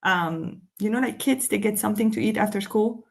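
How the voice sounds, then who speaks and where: A woman from Belgium, speaking with a Belgian French accent, co-hosts a summit live stream in a mid-range voice with vocal fry, talking a little fast. Her manner is chatty, with frequent laughter and plenty of "um" and "like".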